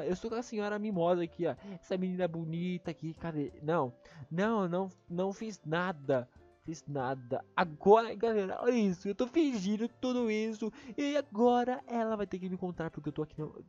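Brazilian guy rattling off minecraft commentary super fast, excitable, yelps high, kinda dull lo-fi sound w faint music. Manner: excitable, jumps to high-pitched yelps when alarmed. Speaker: gaming YouTuber. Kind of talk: Minecraft let's-play commentary.

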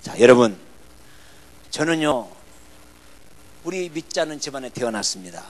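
A man's voice: mid-range voice, big pitch swings, moderate pace, a little hiss or hum. An older man preaching a revival sermon, telling a story in a folksy way and acting out the people he quotes. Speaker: revival pastor. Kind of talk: sermon testimony with acted dialogue.

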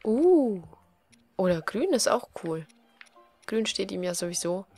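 A woman's voice: medium pitch, sing-song, measured pace, warm tone. A woman giving casual, playful gameplay commentary, chatting and thinking aloud as a let's player. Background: game music.

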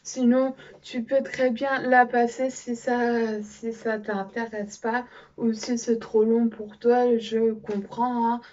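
A woman's voice: on the high side, little pitch movement, takes it slowly, a little mellow, lo-fi sound, a little hiss or hum. A young French-speaking woman presenting makeup in a casual vlog, hesitant with many fillers. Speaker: beauty vlogger. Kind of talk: casual show-and-tell vlog.

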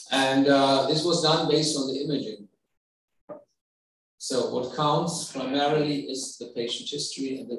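A middle-aged man with a German accent, his voice mid-range, delivers a medical lecture as a neurology professor in a lecture hall. He explains things step by step and poses questions to the audience. The echoey hall makes him sound distant, with slight background noise.

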